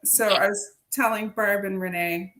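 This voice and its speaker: A woman's voice: mid-range voice, steady tone, a little slow, a bit bright. A woman author chatting on a video call, self-deprecating and talkative. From Canada. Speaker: historical fiction author. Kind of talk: casual video chat.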